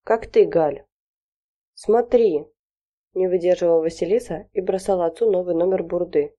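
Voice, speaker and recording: A woman narrating an audiobook in a measured, wry storytelling manner. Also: fairly low pitch, mellow, muffled recording. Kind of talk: scripted narration.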